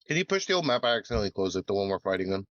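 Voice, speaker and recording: A man's voice: lowish voice, big pitch swings, racing, a bit bright, lo-fi sound. A male player making short, matter-of-fact calls about dice rolls. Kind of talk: tabletop game talk.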